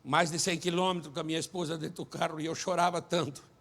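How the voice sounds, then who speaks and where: A Brazilian man preaching a sermon at a church service, telling a personal testimony in an animated way and rising to shouts. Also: on the high side, fast talker. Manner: animated storyteller, acts out quotes, shouts at climaxes. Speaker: pastor and singer.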